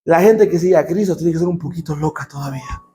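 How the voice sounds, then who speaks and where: A middle-aged man preaching a sermon as pastor, calling for responses and shouting for emphasis. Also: on the high side, fast.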